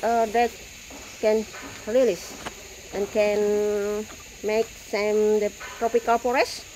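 A woman's voice: mid-range voice, flat delivery, takes it slowly, dark tone, slight background noise, rough recording. A woman from Southeast Asia, an animal keeper, answering in limited English and searching for words. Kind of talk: halting interview answer. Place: outdoors beside animal cages, speaking through a mask.

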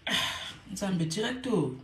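A woman's voice: mid-range voice, big pitch swings, slow pace. Repetitive woman in an echoey room. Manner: repeats words over and over, mixing French and Lingala. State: a little irritated. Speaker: live stream host. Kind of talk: casual live-stream monologue.

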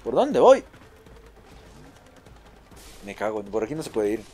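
A man hosts a let's play video and commentates as he plays. He is excitable and chatty, repeating short phrases in quick bursts and speaking straight to his viewers. His voice is mellow, and its pitch jumps around a lot. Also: slight background noise. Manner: chatty, addresses viewers as a group. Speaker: gaming video host.

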